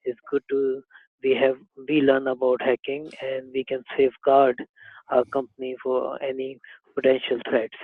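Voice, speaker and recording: A man's voice: medium pitch, monotone, moderate pace, dry recording. A man giving an off-the-cuff presentation over a video call, hesitant and full of fillers. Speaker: conference speaker. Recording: tinny phone-like call audio.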